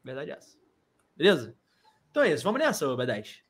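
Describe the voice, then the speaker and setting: Laid-back young man, lively high voice. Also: quick pace, husky. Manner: laid-back, slangy, drawls words out. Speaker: co-host of a football channel. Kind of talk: casual live-stream chat.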